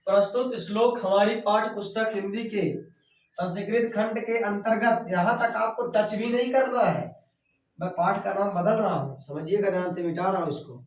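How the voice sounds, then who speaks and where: Male teacher, board lesson, slow repeated words, chanted verses, very echoey room, voice set back from the mic. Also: high voice, far from the mic. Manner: repeats words slowly while writing; chants verses in a sung recitation.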